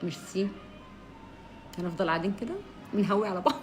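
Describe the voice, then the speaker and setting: A woman's voice: mid-range voice, fast, soft background music. A woman with an Egyptian Arabic accent chatting casually on a live stream, reading out viewers' names and teasing them playfully.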